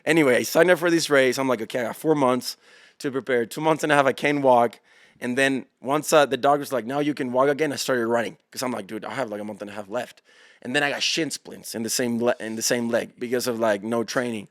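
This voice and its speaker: A man as a podcast guest, telling stories in a casual, animated way and calling the listener bro and dude. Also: mid-range voice, fast talker, no room sound, studio quality. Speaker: podcast guest, endurance athlete. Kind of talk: casual storytelling chat.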